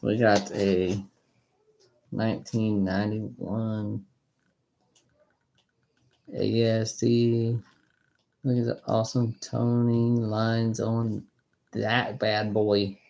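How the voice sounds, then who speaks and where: A woman's voice: very deep voice, flat delivery, extremely slow, long pauses, warm tone. A woman hosting a live coin auction stream, chatting casually and calling out bids with a playful auctioneer patter.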